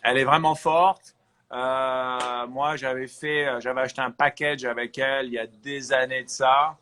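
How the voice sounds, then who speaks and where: A man from France, an actor, chatting as an interview guest and giving lively advice. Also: mid-range voice, normal speed. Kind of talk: casual interview chat.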